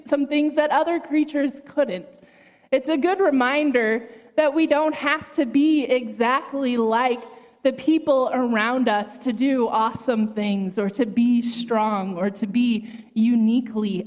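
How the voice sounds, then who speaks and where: High, slow-talking woman telling a church story. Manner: gentle, warm storytelling with voiced characters. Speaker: children's message speaker at a worship service. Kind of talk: storytelling children's sermon. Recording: echoey hall.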